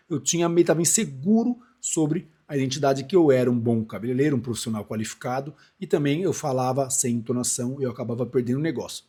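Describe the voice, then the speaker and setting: A Brazilian speaking coach in his forties gives a casual on-camera lesson on public speaking, loose and conversational, full of restarts and asides. His mid-range voice is mellow and husky.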